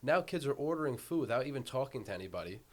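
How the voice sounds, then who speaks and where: A young man, co-hosting a podcast and telling quick, chatty stories. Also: mid-range voice, sing-song. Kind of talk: casual podcast conversation.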